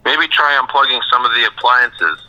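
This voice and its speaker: Bright-toned man on speakerphone. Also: medium pitch, lively intonation, poor audio. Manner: hesitant, with pauses. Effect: heard over speakerphone. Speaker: music producer. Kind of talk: casual explanation.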